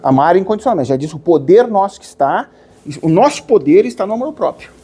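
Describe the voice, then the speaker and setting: A man's voice: high-pitched, sing-song, fairly quick, dark tone, slightly rough. A man gives a spiritual lecture to a live audience. He questions his listeners and calls them dear ones.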